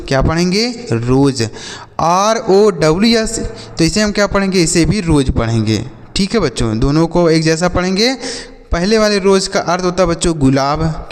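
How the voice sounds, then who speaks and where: A man's voice: fairly high pitch, in a large hall. A man teaching children English spellings and meanings, spelling words out letter by letter and answering his own questions.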